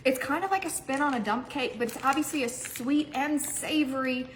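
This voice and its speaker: Woman, Southern accent, bubbly, enthusiastic, fairly high voice, faint background hiss. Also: normal speed. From Mississippi. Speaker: cooking show host. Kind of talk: casual cooking demonstration.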